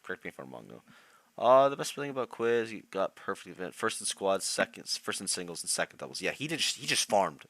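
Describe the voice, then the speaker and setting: A man's voice: low voice, big pitch swings, fairly quick, fairly bright tone, no room sound. A young man on a live stream, chatting casually about competitive players and reacting to chat, laughing often.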